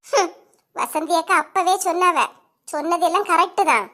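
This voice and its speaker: A sharp-tongued village woman bickers with her neighbours in a cartoon comedy, voiced by a woman. Her voice sits very high, and she scolds and accuses in a Kanyakumari Tamil accent. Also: lively intonation, normal speed, full character voice. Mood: quarrelsome. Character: bickering village women neighbours, quick-tempered.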